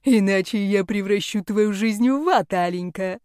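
A woman voicing an arrogant, domineering aging male rector of a magic academy in an audiobook, speaking slowly and haughtily. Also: medium pitch, darkish tone, clean tone, dry recording, studio quality, close to an everyday voice. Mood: haughty, menacing. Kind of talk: audiobook character voice.

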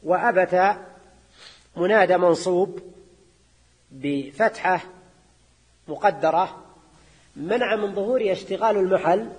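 A man teaching a class as a sheikh, often prompting his listeners with a quick questioning "ha?". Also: high voice, husky. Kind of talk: classroom lecture. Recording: long hall reverb.

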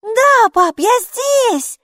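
A woman reading an audiobook, voicing an excitable six-year-old girl in high, breathy, eager exclamations. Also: moderate pace, no echo, studio quality. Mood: excited.

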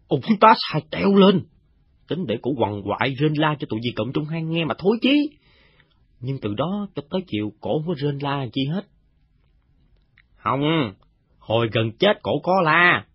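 A man with a Southern Vietnamese accent voicing a coarse, gossiping rank-and-file soldier who talks roughly and swings between loud and soft. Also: a little high, no room sound, exaggerated voice. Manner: rough, chatty storytelling with swings in loudness. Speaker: voice actor in an audio drama. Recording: dull, dry lo-fi recording.

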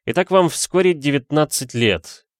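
A man's voice: fairly high pitch, expressive, moderate pace, dry recording, studio quality, voice pushed up, lightly acted. A man voicing a shameless, flowery police detective who heaps florid compliments in an audiobook. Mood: businesslike. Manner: florid, fawning, theatrical. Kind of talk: audiobook character voice.

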